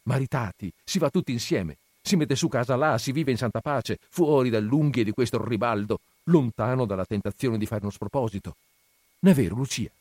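A man's voice: medium pitch, brisk, a little mellow, no room sound, pitched above the performer's own voice, lightly acted. A man reading aloud and voicing an earnest young peasant man in love who speaks eagerly and pleads.

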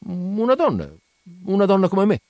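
A man's voice: high-pitched, very animated, moderate pace, no room sound, studio quality, voice pushed up. Man voicing a wary young tavern girl. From from Perpignan (figure). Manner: hesitant, quiet, guarded questioning. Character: young woman of a harbor tavern, wary and guarded.

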